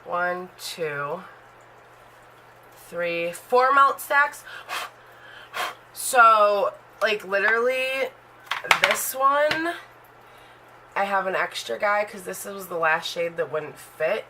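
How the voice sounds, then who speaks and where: A woman's voice: medium pitch, lively intonation, extremely slow, pauses often, background noise. A woman in her thirties talking casually in a vlog about her makeup collection, rambling and full of fillers. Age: 30s. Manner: rambling and chatty, heavy on fillers. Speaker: beauty vlogger.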